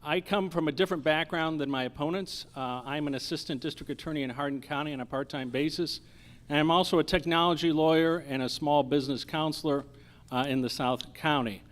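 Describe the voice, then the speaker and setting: At a live candidate forum, a male lawyer running for a judicial seat introduces his campaign, stumbling hesitantly and repeating himself. His voice is fairly high and his pace fairly quick.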